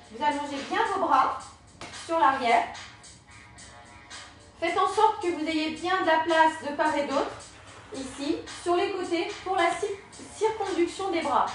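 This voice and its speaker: A woman with a high voice leads a Pilates session, gently pushing her students through each move and breath. She sounds set back from the mic in a strongly echoing room, with faint music in the background. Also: far from the mic. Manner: encouraging, cueing breath and movement step by step. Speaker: Pilates and yoga instructor. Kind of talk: guided exercise class instruction.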